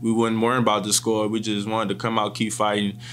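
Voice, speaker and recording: Sitting at table microphones in a press room with a sponsor backdrop behind him, a twenty-something college football player answers post-game questions. His voice is on the low side and there's slight background noise; he stays calm and measured but keeps restarting.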